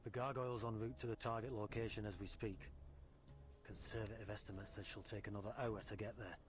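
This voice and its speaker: An actor playing a cynical, wolfish veteran soldier in a video game, with a hoarse voice and wry, sceptical delivery. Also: male voice, fairly even intonation, brisk, lightly acted. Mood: wry, challenging. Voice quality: low, hoarse. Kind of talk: dramatic video game voice acting. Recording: game dialogue over music.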